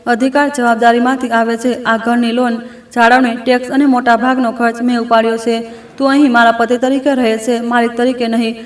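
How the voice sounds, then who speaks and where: A woman voicing a pregnant young wife who speaks firmly and in a measured way. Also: on the high side, little pitch movement, lightly acted. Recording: echoey room.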